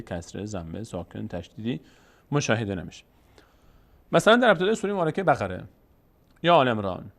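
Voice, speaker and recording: A man giving a recorded lesson on reading the Quran. He explains patiently, asks questions and answers them himself, and draws out the sounds slowly when he demonstrates them. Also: fairly low pitch. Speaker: Quran recitation teacher.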